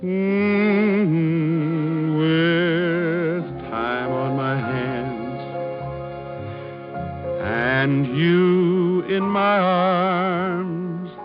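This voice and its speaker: Richard Diamond, quick-witted wisecracking radio detective. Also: male voice, high voice. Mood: crooning, romantic. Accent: American. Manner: flip, tossed-off wisecracks. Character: wisecracking male private detective, flirtatious, breezily cool. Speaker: actor in lead role. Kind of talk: 1940s-50s radio detective acting, with crooning. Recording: dull vintage radio recording with music.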